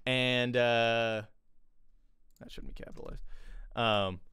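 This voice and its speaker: This acting teacher, in his thirties, sounds mid-range, slow, and gravelly yet sharp and clean, with no echo. He gives a casual, conversational livestream lesson in a small room, close on a studio mic with a pop filter and wearing headphones, checking in often with "right?".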